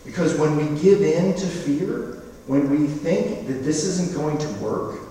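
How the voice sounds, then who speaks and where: A man delivers a sermon at an unhurried pace, telling stories in a chatty, conversational way with animated asides. He is picked up from a distance in a large hall, so his voice sounds roomy, with a long reverb trailing behind each phrase. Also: on the high side. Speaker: preacher. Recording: echoey hall from far off.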